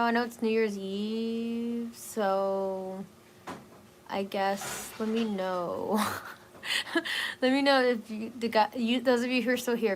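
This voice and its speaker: Woman, wellness stream host; soft, relaxed, rambling casual chat full of fillers, faint background hiss. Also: a little high. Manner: rambling and hesitant, many fillers.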